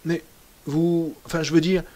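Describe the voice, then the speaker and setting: A man voicing a tipsy, shaken man who speaks with a thick, slurred, halting voice and trips over his words. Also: on the high side, flat delivery, dark tone, voice pushed up, close to an everyday voice. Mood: tipsy, unsettled. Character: drunk, shaken middle-aged man at a ball.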